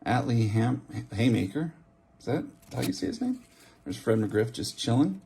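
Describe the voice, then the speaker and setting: Hosting a trading card opening channel, this man has a mid-range, gravelly, warm voice with a sing-song lilt at normal speed. He gives offhand, casual running commentary while opening card packs, reading out names and musing aloud. Background hiss, handling clicks and card shuffling can be heard.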